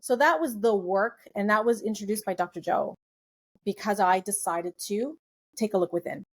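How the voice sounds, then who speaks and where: A woman's voice: medium pitch, moderate pace, slight background noise. A woman guest on a podcast interview, earnestly telling a personal story and piling up phrases in emphatic lists. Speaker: guest nutritionist.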